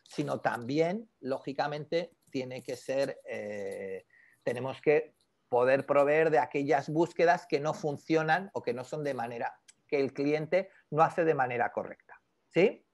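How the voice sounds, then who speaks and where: A man teaching an online class on e-commerce, conversational and animated, constantly checking in with his students. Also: mid-range voice, measured pace. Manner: conversational, peppers speech with "¿vale?"; animated, lively explanations with asides to students. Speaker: e-commerce instructor.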